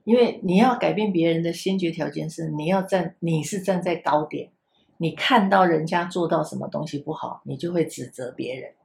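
Gravelly older woman, gentle storyteller. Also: deep voice, normal speed. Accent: Taiwanese Mandarin. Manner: gentle, repeats herself, acts out soft talk to children. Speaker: podcast guest, grandmother and former kindergarten teacher. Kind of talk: casual podcast chat.

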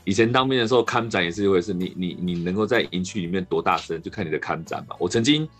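A man with a Taiwanese Mandarin accent hosting a podcast, telling a rambling, animated story in casual chat. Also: low voice, fast talker, soft background music. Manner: rambling, animated anecdote with restarts. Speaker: podcast host.

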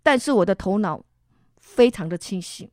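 A woman from Singapore, an interview guest telling her personal faith testimony as an animated storyteller who acts out other people's lines and laughs as she goes. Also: medium pitch, normal speed, dry recording, clean studio sound. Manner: expressive, laughs while telling.

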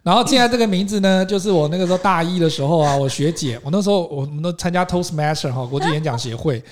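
A male host with a Taiwanese Mandarin accent and a fairly high voice. He speaks very quickly in a casual, animated storytelling style, slipping English words into his talk. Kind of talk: casual podcast chat.

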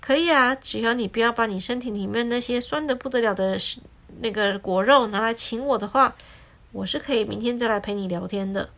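A woman's voice: fairly high pitch, a little fast, fairly bright tone. A woman voicing a small, chatty, frank sparrow in a children's story, talking in a blunt, matter-of-fact way. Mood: lecturing.

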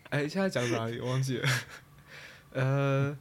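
A man's voice: medium pitch, measured pace. A young man telling a rambling story as a podcast co-host, trailing off and restarting. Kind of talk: casual chat.

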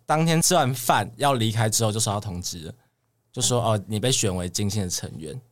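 Brisk and on the low side, the voice belongs to a young adult man with a Taiwanese Mandarin accent. An idol trainee, he's a guest in an interview, recounting stories informally.

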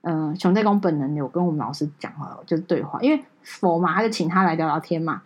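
A woman with a Taiwanese Mandarin accent, co-hosting a podcast and telling a story in an animated, emotional way with many fillers. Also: sits low, quick pace. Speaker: podcast co-host. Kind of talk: casual storytelling chat.

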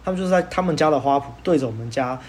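A young man, hosting a podcast and telling a story in casual chat, animated and laughing as he goes. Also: medium pitch, very fast, a little hiss or hum. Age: young adult. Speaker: podcast host.

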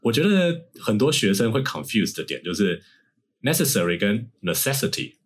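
A man's voice: on the low side, big pitch swings, normal speed. A man hosting a casual podcast as an English teacher, laughing often and slipping English words into his talk.

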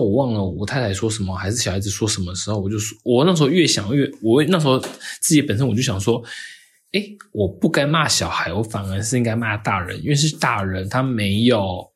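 A man's voice: fairly low pitch, slightly rough. A man in his thirties, co-hosting a podcast, telling a long story in casual chat with many restarts and fillers. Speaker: podcast co-host.

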